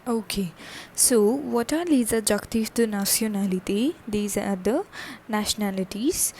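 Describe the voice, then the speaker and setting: A woman leads an online French lesson, saying each word twice or more and stopping often on "okay." She speaks slowly at a middle pitch. A faint noise sits under her voice. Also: darkish tone. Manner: slow, repeats each word, frequent "okay". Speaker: French teacher.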